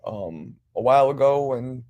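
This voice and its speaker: A man's voice: medium pitch, expressive, normal speed, darkish tone. Easygoing New York man in his forties. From New York City. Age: 40s. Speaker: guest panelist. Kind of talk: casual panel chat.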